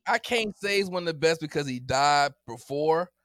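A man's voice: on the high side, lively intonation, moderate pace, fairly bright tone, clear, resonant tone, no echo, studio quality. A man co-hosting a podcast, debating football in a casual, teasing way and laughing often. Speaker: podcast co-host.

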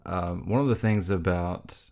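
A man in his thirties hosts a casual podcast chat. His voice sits very low with a gravelly fry. He rambles, restarts often and laughs a lot. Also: measured pace, darkish tone. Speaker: podcast host. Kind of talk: casual chat about a film.

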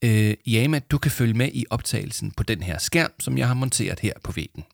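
A man's voice: mid-range voice, animated, vocal fry, dry recording, clean studio sound, pitched above the performer's own voice. A man reading a storybook aloud, voicing an easygoing, reassuring father. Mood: calm. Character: calm, patient middle-aged father.

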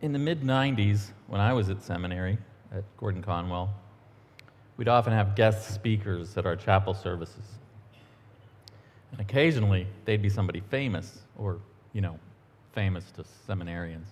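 Low-voiced man preaching in a reverberant church. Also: moderate pace. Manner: relaxed, storytelling, a few ums and asides. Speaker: church minister. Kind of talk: conversational sermon with announcements. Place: church sanctuary. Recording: long church-hall reverb.

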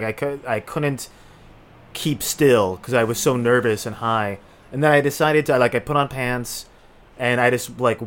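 A man's voice: medium pitch, fairly bright tone. A man co-hosting a podcast, telling a long, rambling story in casual chat, full of "like" and restarts. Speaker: podcast co-host.

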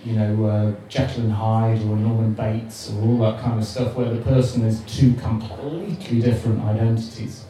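A man's voice: on the low side, little pitch movement, normal speed, few pauses, mellow, slight background noise. Blunt guy chatting about a book, swears, laughs at himself, echoey room, mic far off. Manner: frank, swears casually, self-mocking. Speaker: book club panelist. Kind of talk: casual discussion.

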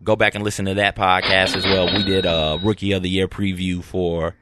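A man's voice: sits low, little pitch movement, a little fast, bright, forceful tone, slight background noise. A man co-hosting a casual sports podcast, breaking down a team's season with playful banter. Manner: playful, predicts games one word at a time. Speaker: podcast co-host.

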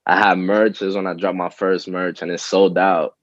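A young man with a very low, deep voice talks in a relaxed, rambling way, full of fillers and restarts. The sound is dry and a little dull, like lo-fi remote audio. He is a rapper guest in a casual interview. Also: normal speed, no room sound. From Dominican Republic. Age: young adult.

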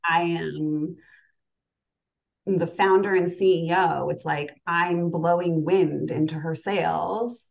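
A woman's voice: on the low side, steady tone, takes it slowly, creaky, darkish tone, muffled recording. A woman in her forties chatting casually and reflectively as a podcast guest, often checking in with "right?" and "you know". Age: 40s. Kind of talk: casual, reflective personal chat.

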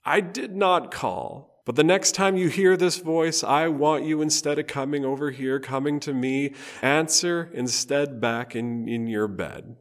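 An overtired old caretaker, voiced by a man, answers in a higher, strained pitch, slow and deliberate. He sounds weary and grumbling but keeps his civility. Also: natural voice.

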